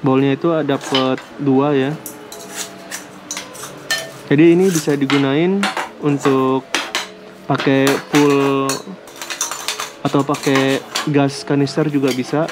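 A man casually unboxing and reviewing camping gear at a table indoors, talking in a relaxed, hesitant way with small laughs. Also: medium pitch, slow pace, long pauses, noisy background. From Indonesia. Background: music.

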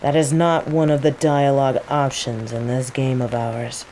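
A woman with a very deep voice voices a teasing rival mage in a scripted, intimate audio roleplay, interrogating a captive at a moderate pace. She sounds quietly threatening, her menace casual and coaxing. Steady rain runs beneath the poor-quality recording.

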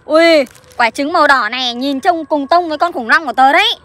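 High fast-talking woman showing off toys. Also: sharp tone. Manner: chatty, showing off toys to viewers. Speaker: young toy-show presenter. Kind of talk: playful toy play chat.

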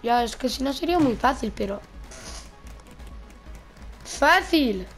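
A woman giving casual, excitable commentary over her own gameplay, exclaiming and laughing at the game. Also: a little high, fast talker, faint music behind. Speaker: gaming YouTuber.

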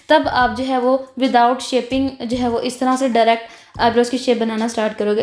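High-voiced woman teaching threading. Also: a little mellow, roomy sound. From Pakistan. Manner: instructive, repeats "jo hai", mixes English words. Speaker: beautician teaching eyebrow threading. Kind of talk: tutorial voice-over.

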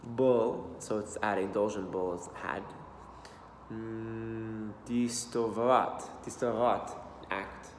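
Recorded on his laptop webcam at a desk in a small room, an American man in his thirties whose first language is English practices a new language, haltingly and slowly repeating words in a self-study vlog. His pitch is fairly low and his intonation fairly even. There's a little hiss or hum, plus a roomy, long-reverb echo.

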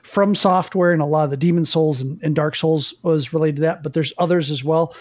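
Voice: mid-range voice, fairly even intonation, a little fast, darkish tone. A podcast co-host with a mid-range voice, chatting casually about tech. They cut in to correct points and lay out the technical details.

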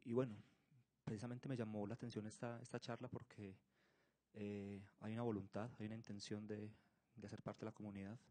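A Colombian-accented man making an informal comment with hesitant, deliberate phrasing. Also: lowish voice, warm tone, no room sound. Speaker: conference attendee.

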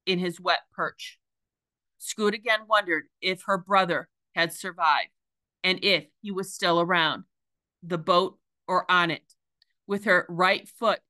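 Slow, careful woman reading aloud. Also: fairly low pitch, bright, forceful tone, dry recording. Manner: careful, deliberate reading with small slips. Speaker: teacher. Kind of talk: reading a novel aloud to a class.

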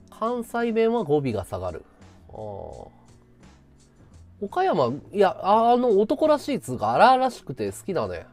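A man from Chiba talks casually to his live-stream audience, rambling from story to story and laughing as he goes. His pitch swings widely and constantly, and faint music plays underneath. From Chiba, Japan. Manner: rambling, animated, laughing at his own stories. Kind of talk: casual chat with viewers.

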